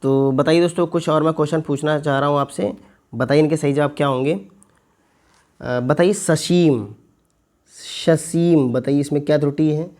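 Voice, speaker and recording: A male teacher working through an exam paper, repeating words slowly to spell them out and asking his viewers questions. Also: fairly high pitch, steady tone, darkish tone. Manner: slow, stretched repetition of words to spell them out; addresses viewers as friends, asks them questions. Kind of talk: exam paper walkthrough lesson.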